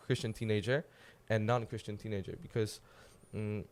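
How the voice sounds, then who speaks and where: A man's voice: lowish voice, flat delivery, normal speed, smooth. A teenage man from Poland with a Polish accent, a guest speaking in casual podcast chat who searches for words with many fillers. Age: teens. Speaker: guest, student youth leader.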